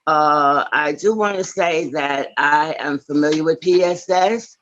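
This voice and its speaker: An elderly woman in her eighties speaks earnestly through a dull, lo-fi video call line. She gives an award acceptance speech in a halting way, often pausing on fillers and restarting her words. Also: deep voice, a bit bright. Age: 80s. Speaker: award honoree.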